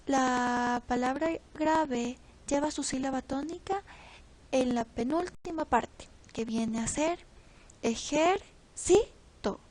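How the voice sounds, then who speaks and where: Teen girl, high voice, student presenter, reads notes, pauses and slips. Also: darkish tone, poor audio. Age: teens. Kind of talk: reading a class presentation.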